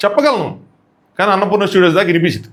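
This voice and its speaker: A man with a Telugu accent giving a quick, animated review of a reality show episode, acting out the contestants' lines. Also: high-pitched. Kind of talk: fast episode review commentary.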